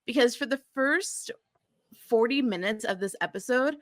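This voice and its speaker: On a casual pop-culture podcast, this co-host talks at normal speed in a higher voice, recorded dry with clean studio sound. She swears, exclaims dramatically and says "like" constantly among other fillers.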